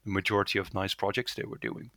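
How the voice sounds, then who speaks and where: A Dutch man in his thirties, a native Dutch speaker, talking casually as an interview guest, halting with fillers and restarts. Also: on the low side, fairly even intonation, a bit bright, no echo, studio quality. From Netherlands. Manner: hesitant, many restarts and fillers, chuckles often. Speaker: lead software developer guest.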